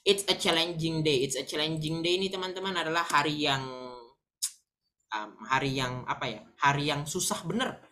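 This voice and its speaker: A woman giving a casual online English lesson, chatting to viewers as friends and explaining slowly with examples. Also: low-pitched, sharp tone. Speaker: English teacher.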